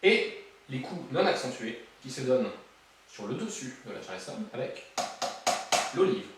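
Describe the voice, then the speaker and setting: A man's voice: medium pitch, very animated, moderate pace, very noisy. A man teaching a drum lesson, counting beats aloud and joking between exercises, with drums playing behind him. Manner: playful, jokey asides while counting beats aloud. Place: room with a drum kit. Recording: very echoey room, voice from far off.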